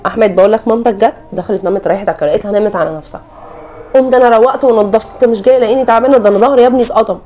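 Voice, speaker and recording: A woman's voice: fairly high pitch, racing, warm tone, soft background music, lightly acted. A woman voicing an irritable, complaining pregnant young wife with an Egyptian Arabic accent in a cartoon. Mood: exhausted. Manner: complaining, exasperated.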